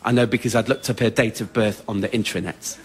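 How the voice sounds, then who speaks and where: Speaking fast in a steady, lowish voice, a writer-performer storyteller gives a scripted comic monologue for radio on a theatre stage. His audience hears an understated, self-deprecating and earnest delivery.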